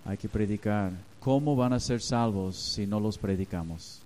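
A man's voice: lowish voice, moderate pace, a little hiss or hum, rough recording. A man preaching a sermon, telling stories and acting out the voices in them. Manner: animated, acts out voices in anecdotes. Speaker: pastor. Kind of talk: sermon with storytelling.

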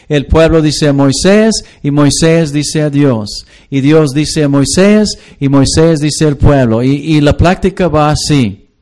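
A man's voice: on the high side, a little mellow. A man preaching a sermon as a pastor, reading scripture aloud and acting out everyday voices. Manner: slow, reads scripture and acts out everyday voices.

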